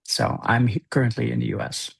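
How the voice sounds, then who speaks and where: A middle-aged man from the Netherlands, a guest on a podcast, speaking in a thoughtful, unhurried way. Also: medium pitch, fairly even intonation, creaky, breathy edge, dry recording. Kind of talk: casual podcast chat.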